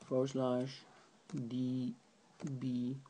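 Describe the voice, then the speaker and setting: Speaking very slowly in a monotone, this man has a medium-pitched, dark-toned voice as he walks through a laptop how-to, spelling each command out letter by letter. He films the screen with a handheld camera at an indoor desk, and slight background noise can be heard.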